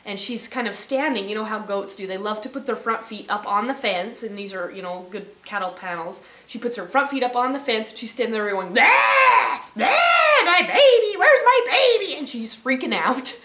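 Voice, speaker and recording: A woman's voice: mid-range voice, a little fast, few pauses, a bit bright, echoey room, a little hiss or hum. A woman vlogging from her ranch, telling a story casually and rambling, often correcting herself. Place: outdoors on a ranch.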